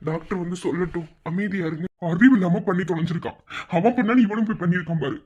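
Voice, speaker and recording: A woman voicing a calm older male relative who firmly settles the family, with a Madurai Tamil accent. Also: fairly low pitch, quick pace, husky, voice pushed down. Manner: firm, calming. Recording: dull lo-fi sound.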